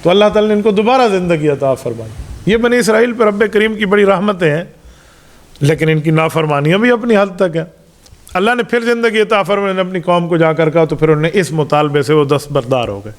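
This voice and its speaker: A middle-aged man preaches a Ramadan Quran lesson with a fairly high voice for a man. He tells religious stories, gives each quoted speaker a voice of his own, and presses his points home with emphasis. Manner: storytelling, acts out quoted dialogue; explanatory, emphatic. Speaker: mufti, Islamic preacher.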